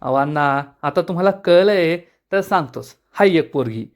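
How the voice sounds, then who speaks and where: A man's voice: a little high, expressive, normal speed, lightly acted. A man reading the lines of a bashful, evasive young man in a serial recap.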